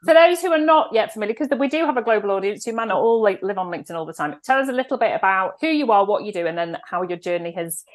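A high-energy woman hosting a podcast, chatting excitedly and reading an ad. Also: fast talker, few pauses. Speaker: podcast host. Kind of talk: casual podcast chat and read ad.

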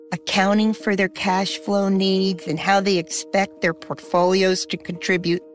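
A woman speaks at a medium pitch as a financial advisor. Her talk is measured and explanatory, with faint music present.

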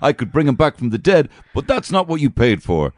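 A man's voice: mid-range voice, big pitch swings, brisk, a little mellow, dry recording, close to an everyday voice. A man playing Santa Claus, hesitant and laughing through his lines. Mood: amused. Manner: keeps breaking into laughter, hesitant. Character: giggly, embarrassed Santa Claus.

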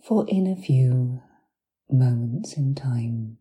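A woman with a low, very dark and mellow voice leads a guided hypnosis meditation. She speaks extremely slowly in short, soothing phrases with long pauses, softly breathy and often sinking into a whisper. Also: expressive. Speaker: hypnotherapist guiding relaxation.

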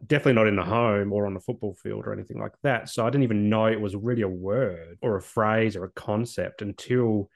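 Australian male guest, late 30s, low voice, earnest storyteller who restarts his phrases. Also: fast talker, gravelly, few pauses. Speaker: podcast guest, social worker. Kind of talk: reflective personal storytelling.

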